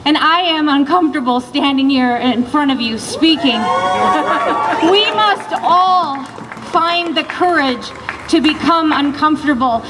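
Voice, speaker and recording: High-pitched American woman giving a rally speech. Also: a bit bright. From Iowa, United States. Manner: impassioned, emphatic, projecting to a crowd. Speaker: rally speaker. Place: outdoor evening rally. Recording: noisy live rally with crowd sounds.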